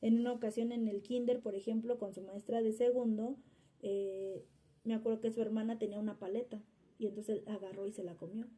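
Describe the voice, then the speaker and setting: Mother interviewed about her son; rambling, filler-heavy delivery, very mellow dark tone, slightly high voice. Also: fairly even intonation, brisk. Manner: rambling, frequent fillers and restarts. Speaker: mother of interviewee's subject child. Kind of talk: interview answer, casual storytelling.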